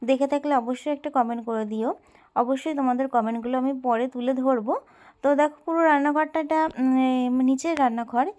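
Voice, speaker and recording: A woman, narrating her daily housework in a slow, gentle vlog voice-over with many pauses and fillers. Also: on the high side. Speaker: homemaker vlogger.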